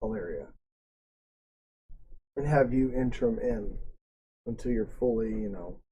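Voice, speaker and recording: A man's voice: fairly low pitch, unhurried, mellow, lo-fi sound, slight background noise. A man narrating as game master in a casual tabletop role-play session, cursing now and then. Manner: casual, swears freely while describing scenes.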